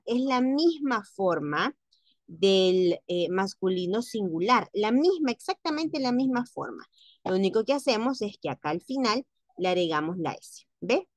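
A woman teaching French at a slow, unhurried pace, repeating each word over and over for her students. Her voice is recorded close and dry, with almost no room sound. She explains things step by step and patiently. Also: mid-range voice, dry recording. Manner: slow and patient, repeats words for pronunciation drills. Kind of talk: explaining a lesson.

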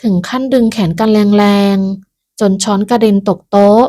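A woman narrating a moral folk tale in a measured, even storytelling manner. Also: medium pitch.

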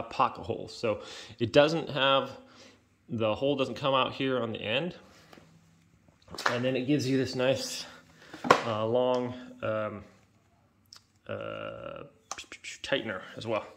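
A man casually demonstrating a woodworking jig, talking in a halting, rambling way with many fillers and self-corrections. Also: medium pitch, vocal fry, heavy background noise. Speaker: DIY woodworking channel host. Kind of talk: casual hands-on tool demonstration. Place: indoor workshop with concrete floor. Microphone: camera-mounted, hands-only point of view.

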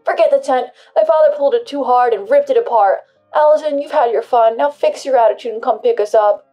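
A woman voicing an entitled husband who shouts demands over the phone. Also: sits high, a little fast, muffled recording, faint music behind, voice pushed up, lightly acted. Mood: angry. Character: angry, entitled adult husband.

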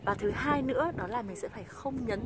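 A woman from Vietnam teaching English pronunciation in a video lesson, patiently explaining and slowly modeling example sentences. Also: on the high side, a loud crowd, poor audio. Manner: patient, repeats example phrases slowly and clearly.

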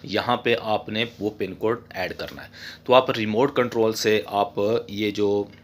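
A man's voice: lowish voice, unhurried. A man hosting a casual how-to tutorial for his TV repair channel, chatty and often ending lines with "okay". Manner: voice-over with no face on screen.

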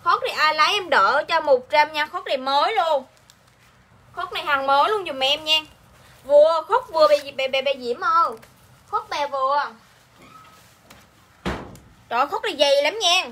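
Bright, high Southern Vietnamese saleswoman. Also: expressive, normal speed, pauses often. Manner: chatty, repeats each line, coaxes viewers. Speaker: livestream clothing seller. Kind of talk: live-sale selling chat.

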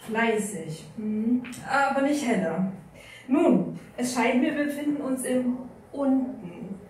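A woman's voice: on the high side, lively intonation, takes it slowly, a little mellow, a little hiss or hum. A woman playing a haughty, curt rich man who looks down on the others, at a live reading. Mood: disdainful. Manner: curt, disdainful. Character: haughty, dry-humored rich man Hortschleifen. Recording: echoey hall recorded from far off.

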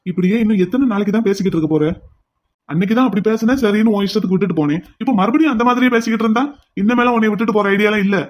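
A man voicing a headstrong, protective young man in a cartoon drama, speaking forcefully and insistently. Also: high-pitched, racing, natural voice.

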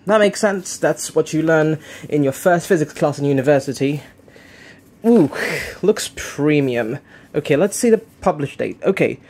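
Young male unboxing host, slightly high-pitched, casual and hesitant, thinking aloud with self-corrections. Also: a little mellow. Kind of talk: casual unscripted unboxing commentary. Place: living room, indoors.

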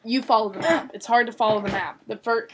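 A woman's voice: on the high side, fast talker. A young woman chatting casually and giving bossy directions while a friend plays a horror game at a laptop. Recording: noisy home recording.

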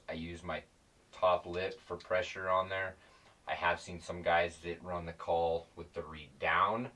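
A man with a very low voice talks through a how-to in a loose, plain-spoken way, circling back and restarting his sentences. He sounds a little set back from the microphone. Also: a bit bright, distant mic. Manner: rambling, plain-spoken, self-correcting. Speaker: predator calling instructor. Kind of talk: casual instructional talk.

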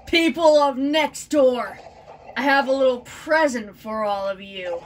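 A woman voicing an evil Dark Lord from a video game with slow, theatrical villain menace. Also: high-pitched. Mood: gloating menace. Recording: far from the mic, game music.

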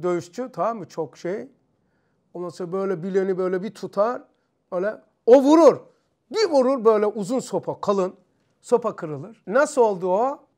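A man giving an informal religious lesson to a group of teenage students. He keeps asking them questions and acts out blows and shouts with sound effects. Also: high voice. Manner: lively, questioning the students, acting out strikes with sounds. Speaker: religious teacher.

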